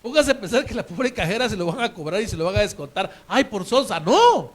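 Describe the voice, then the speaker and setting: A man's voice: sits high, lively intonation, quick pace. A man preaching a sermon in a conversational way, asking rhetorical questions of the congregation.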